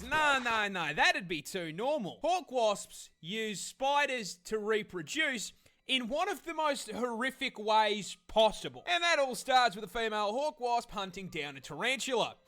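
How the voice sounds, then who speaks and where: A man's voice: very high-pitched, bright, forceful tone. A man doing comedic scripted documentary narration in a sweary, irreverent, slangy manner. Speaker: animal facts video narrator.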